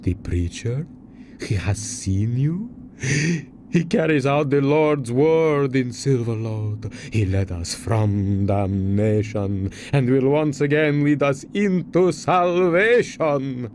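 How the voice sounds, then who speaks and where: A man's voice: medium pitch, animated, slow pace, a little mellow, a little hiss or hum. A man playing a frail, nervous old barber in a Western video game, obsequious and hesitant with muttered hums. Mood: reverent, suspicious. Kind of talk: video game character acting.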